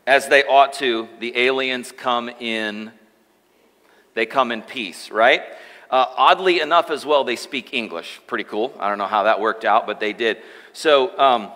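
Man pastor in his thirties, casual joking sermon, bright voice, long church reverb. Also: mid-range voice, a little slow. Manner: joking, conversational, with frequent asides to the congregation. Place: church sanctuary.

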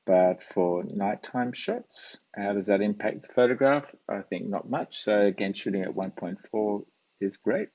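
A man hosting a photography channel, walking through his photo edits on screen in a relaxed, thinking-aloud way, with plenty of fillers. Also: lowish voice, measured pace. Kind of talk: casual screen-share walkthrough. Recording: dull lo-fi recording.

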